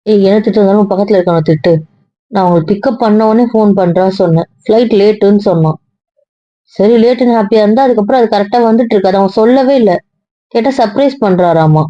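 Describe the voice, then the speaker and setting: A woman's voice: medium pitch, quick pace, no room sound, lightly acted. A woman playing a hurt, defensive young wife. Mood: upset. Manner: upset, protesting, explaining at length. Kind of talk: amateur audio drama. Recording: dry, dull lo-fi audio.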